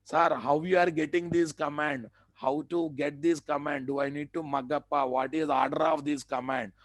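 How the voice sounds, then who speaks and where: A man's voice: fairly high pitch, fairly even intonation, moderate pace, no echo. A man with an Indian accent teaching a live technical class, repeating phrases and posing questions that he answers himself. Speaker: software training instructor.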